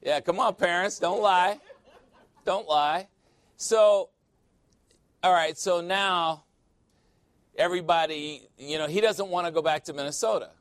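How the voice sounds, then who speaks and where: A man's voice: high voice, measured pace, pauses often, fairly bright tone, clean tone, no room sound. A male pastor preaching a sermon in a church, joking and conversational with sudden emphatic swings.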